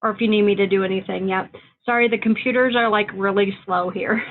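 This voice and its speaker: A woman's voice: mid-range voice, steady tone, a little fast. A woman on a call from an office, helpful and apologetic as she sets up the call. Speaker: office staff helping with the call. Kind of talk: casual call chat. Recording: tinny phone-like line.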